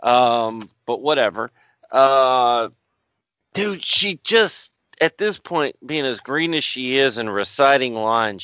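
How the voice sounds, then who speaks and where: Male co-host, wisecracking and crude, bright mid-pitched voice, dry slightly dull recording, casual wrestling talk. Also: no echo. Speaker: podcast co-host. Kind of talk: casual wrestling commentary chat.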